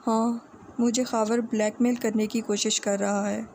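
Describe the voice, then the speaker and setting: Brief: woman voicing a firm young heroine, level and even delivery. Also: a little high, vocal fry, a little hiss or hum. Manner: firm, hesitant pauses. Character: young woman, determined and proud.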